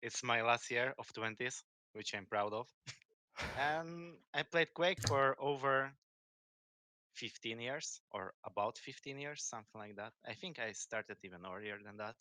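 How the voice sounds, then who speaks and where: Bright-voiced man in his late twenties. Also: mid-range voice, a little slow, no room sound. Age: 20s. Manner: relaxed, chatty storyteller, laughs easily. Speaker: guest, pro gamer. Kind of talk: casual interview chat.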